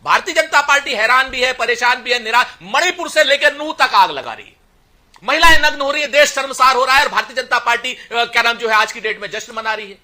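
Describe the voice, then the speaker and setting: A man's voice: very high voice, lively intonation, quick pace, pushed and bright. A man arguing as a party spokesperson in a heated television debate, combative and pushing to be heard. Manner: combative, interrupts, pleads for a turn.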